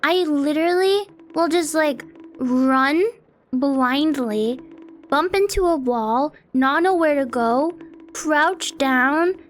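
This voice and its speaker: Speaking slowly in a high voice, a young woman streams from her home apartment setup, with slight background noise. She sits close to an arm-mounted desk mic, chatting in a rambling, self-deprecating way and cursing frequently.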